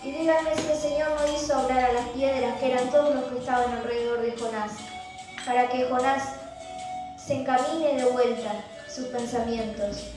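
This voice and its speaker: A woman's voice: sits high, steady tone, moderate pace. A woman with a Rioplatense Argentine accent preaching a sermon to a youth group, reading scripture and asking the listeners rhetorical questions in an earnest way. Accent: Rioplatense Spanish. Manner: earnest, rhetorical, reads scripture aloud then explains. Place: church hall. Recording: echoey hall from far off, music behind.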